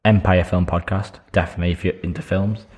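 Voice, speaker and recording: Low-voiced man, teasing banter. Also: steady tone, fast talker, darkish tone, slightly rough. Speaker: podcast co-host. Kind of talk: casual chat.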